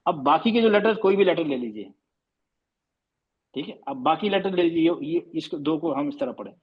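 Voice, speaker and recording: A male teacher giving an online class on recitation rules, explaining patiently and drawing out example sounds slowly and repeatedly. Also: on the high side, expressive, breathy edge, dull audio. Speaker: tajweed teacher.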